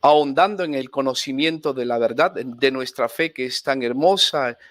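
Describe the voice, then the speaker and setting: A man, a friar and interview guest, speaking in a measured, thoughtful way with small hesitations. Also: medium pitch, a bit bright, no echo. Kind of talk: interview answer.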